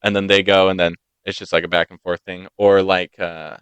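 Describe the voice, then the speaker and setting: A man's voice: sits low, a little fast, smooth, no echo. A young man from the United States co-hosting a casual podcast, telling stories and acting out the voices of the people in them. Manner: animated storyteller, acts out quoted voices. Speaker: podcast co-host.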